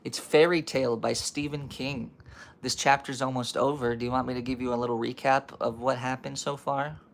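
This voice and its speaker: Brief: male streamer, laid-back read-aloud with asides, some vocal fry. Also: medium pitch, level tone, fairly quick, slight background noise. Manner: casual, chatty asides, loose recap with fillers. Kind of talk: reading a novel aloud to a live chat.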